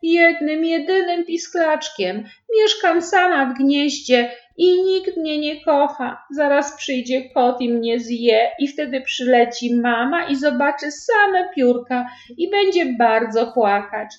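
A woman doing a sulky little girl, high and whiny. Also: slow, hardly any pauses, reverberant, dull audio. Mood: self-pitying. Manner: whiny, pouting, high childish voice. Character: sulky jealous little girl, big sister. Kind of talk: storybook reading.

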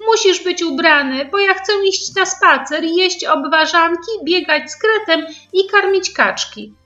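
A woman's voice: unhurried, sharp tone, dull audio, full character voice. Woman doing a bossy little girl. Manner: high, insistent and commanding.

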